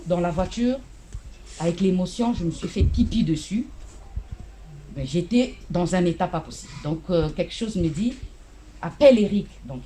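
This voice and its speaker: A woman giving an emotional spoken testimony at a memorial gathering, halting and searching for her words. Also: on the low side, warm tone, slight background noise. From Central Africa.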